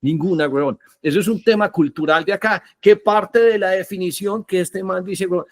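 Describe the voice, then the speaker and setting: Colombian dude, high voice, fired up, swearing a lot, super slangy. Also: male voice, moderate pace. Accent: Colombian Spanish. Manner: emphatic, slangy, swears freely. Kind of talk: heated casual chat.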